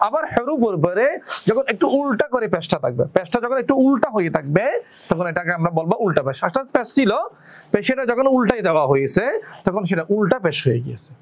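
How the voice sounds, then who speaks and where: A man teaching Quran reading in a patient lesson, explaining step by step, asking and answering his own questions, and drawing out recited words slowly. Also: sits high, big pitch swings.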